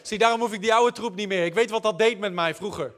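A man's voice: high voice, quick pace, fairly bright tone. A male preacher, giving a sermon in a storytelling way, with jokes along the way and words repeated while he searches for the next one.

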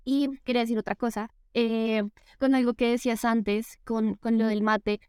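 A young Colombian woman with a Colombian accent, chatting thoughtfully as a podcast guest and filling pauses with "como que". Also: a little high, flat delivery, warm tone, clear, resonant tone, no room sound, studio quality. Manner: reflective, heavy on "como que" fillers. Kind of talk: casual podcast conversation.

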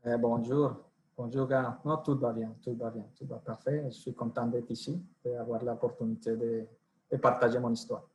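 A man's voice: mid-range voice, little pitch movement, normal speed, a little mellow, a little hiss or hum. A man in his forties from Colombia, speaking French with a Colombian Spanish accent as a podcast guest, hesitant and full of restarts. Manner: hesitant, frequent fillers and restarts in second language. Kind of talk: casual interview storytelling.

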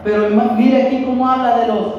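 Preacher guy, really high voice, slow halting sermon, far off in a big echoey hall, kinda muffled. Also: flat delivery, darkish tone, slight background noise. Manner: slow, halting, often repeating "hermano".

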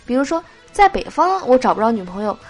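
A woman's voice: on the high side, big pitch swings, quick pace, faint music behind. A woman hosting a joke show, reading jokes aloud with a nasal voice from a cold and laughing at her own punchlines.

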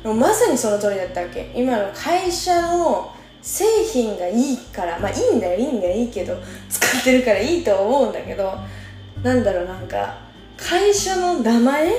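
A woman's voice: a little high, big pitch swings, fairly quick, warm tone. A young woman in her twenties casually telling a personal story, chatty and informal, laughing often as she talks. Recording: echoey room with faint music.

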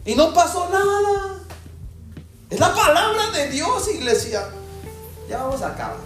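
A woman preacher delivering an animated sermon, mimicking people in mocking voices. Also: very high-pitched, unhurried. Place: large echoing church hall. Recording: very echoey hall with faint music.

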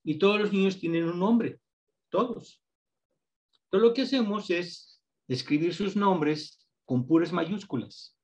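A man with a Mexican accent, explaining things patiently as an interview guest, spelling out examples slowly in a teacherly way. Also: high-pitched. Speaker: guest researcher on reading instruction.

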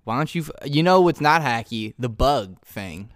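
A man's voice: medium pitch, expressive, normal speed, dry recording, studio quality. A young man co-hosting a podcast, joking crudely in casual chat. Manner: joking, crude, talks over his co-host. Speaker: podcast co-host.

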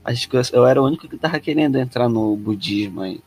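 A man's voice: mid-range voice, quick pace, a little mellow, breathy edge, faint music behind. A young man with a Brazilian accent, chatting casually in sweary slang.

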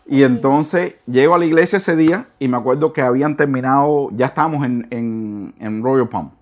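A man in his thirties, guesting in a casual interview, tells his story animatedly, restarting and repeating himself and sometimes slipping in English words. He speaks with a mid-range voice at a moderate pace.

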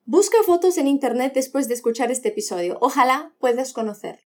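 Lively high-voiced woman teaching Spanish. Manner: patient, slow model pronunciations for repeating. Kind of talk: podcast language lesson.

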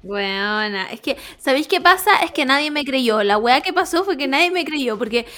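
Chilean girl chatting at home, high voice, slangy and laughing a lot. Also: moderate pace. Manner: animated storytelling with heavy slang and laughter. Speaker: podcast co-host. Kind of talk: casual chat. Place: home room.

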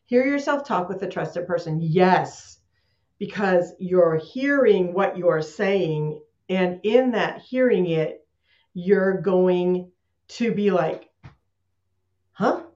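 Her voice is fairly low and a little mellow, moving slowly but with lively intonation. As the host of a live online session, she talks casually, laughs often, and restarts mid-sentence. The computer mic on the video call gives an echoey, dull, roomy sound.

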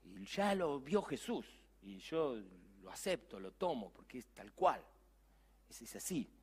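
A man's voice: medium pitch, very animated, a little slow, darkish tone, husky. A middle-aged man with a Rioplatense Spanish accent, a youth pastor preaching a sermon with emphatic, conversational asides.

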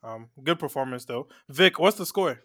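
A man's voice: mid-range voice, animated, normal speed, bright, forceful tone. A man hosting and moderating a casual sports chat among friends. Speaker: podcast host and moderator.

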